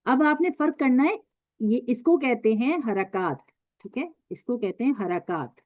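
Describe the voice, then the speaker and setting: A woman's voice: fairly high pitch, expressive, dry recording, lo-fi sound. Patient woman teaching recitation. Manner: patient, repetitive teaching with slow drawn-out letter sounds. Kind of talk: online tajweed lesson.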